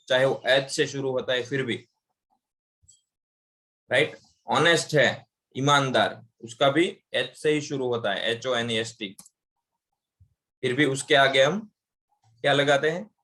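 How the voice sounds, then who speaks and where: A man's voice: medium pitch, a little slow, long pauses, bright, forceful tone. A man teaching English grammar in an online class, explaining patiently and repeating examples aloud.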